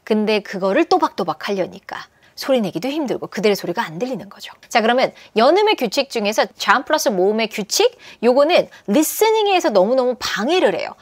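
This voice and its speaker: Lively woman teaching English sounds. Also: fairly high pitch, no room sound. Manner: lively, emphatic, models English words slowly. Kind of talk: lecture.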